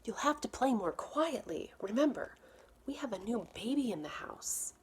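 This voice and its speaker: A woman reading the part of a picture-book mother, gently chiding and affectionate, with a soft coaxing manner. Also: a little high, lively intonation, normal speed, a little hiss or hum, pitched above the performer's own voice, lightly acted. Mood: hushed chiding.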